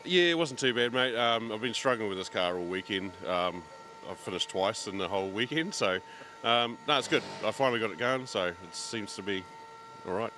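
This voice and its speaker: A man's voice: lowish voice, a little fast, pushed and bright. A man with a broad New Zealand accent giving a laid-back, matey interview as a racing driver. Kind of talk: casual trackside interview. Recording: noisy track, vehicle sounds.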